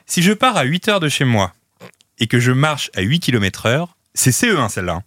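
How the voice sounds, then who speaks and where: A young man runs a casual quiz with a teasing, playful manner. His voice is bright and animated, with a lively rise and fall. The recording is dry and close. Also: mid-range voice, brisk, dry recording. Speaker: quiz host.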